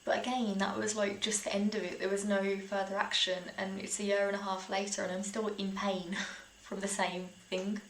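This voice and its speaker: A young British woman tells personal stories to camera like a vlogger, chatty and informal, with little laughs slipping into her sentences. Her medium-pitched voice stays level, at a moderate pace with few pauses. There's a roomy echo and faint background noise.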